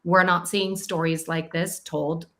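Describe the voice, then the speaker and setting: A woman's voice: lowish voice, little pitch movement, measured pace, pushed and bright. Earnest American woman filmmaker. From United States. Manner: earnest, articulate, supportive of her partner. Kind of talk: casual interview answers.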